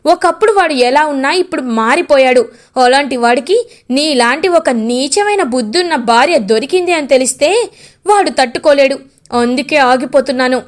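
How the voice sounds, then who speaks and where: A woman voicing a fierce, shouting mother-in-law. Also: sits high, animated, normal speed. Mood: stern. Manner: shouting, threatening, scolding.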